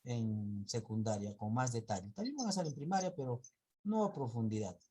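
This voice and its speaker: Teaching online with an animated, mellow voice that's mid-range and edged with breath, a man patiently stretches out his example words. He frequently corrects himself and keeps checking on his students.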